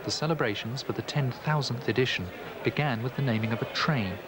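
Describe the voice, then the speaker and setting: A man giving measured, scripted documentary narration. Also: medium pitch, background noise.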